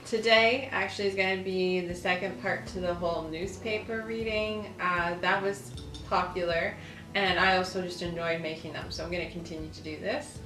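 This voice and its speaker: This lifestyle video host has a lowish, somewhat bright voice, speaking at a normal speed with fairly even intonation as she chats and reads from an old newspaper. A little hiss or hum accompanies the roomy echo and faint background music.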